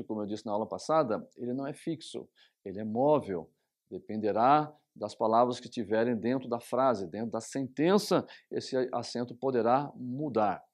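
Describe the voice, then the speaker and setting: A man, a pastor teaching a recorded Bible study on biblical Greek. He explains patiently, repeats terms, and slows down to spell out Greek words. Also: medium pitch.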